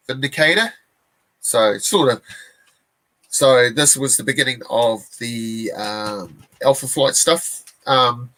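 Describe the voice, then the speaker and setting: A New Zealand man in his forties, a comic collector, chats on a live stream in a relaxed, rambling way full of fillers and restarts. His pitch sits in the middle, and the recording is rough.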